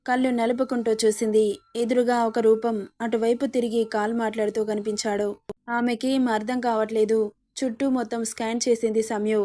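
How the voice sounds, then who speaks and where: A woman narrating a serialized story in an even storytelling delivery. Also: on the high side, a little fast.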